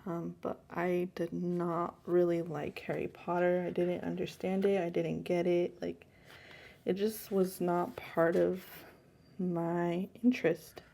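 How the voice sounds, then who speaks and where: A young woman chatting casually while decorating a planner, rambling on and sometimes dropping to a hush. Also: on the low side, little pitch movement, slow, gravelly. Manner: chatty, rambling, soft and hushed at times. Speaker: planner vlogger. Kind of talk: casual chat over plan-with-me crafting. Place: home room.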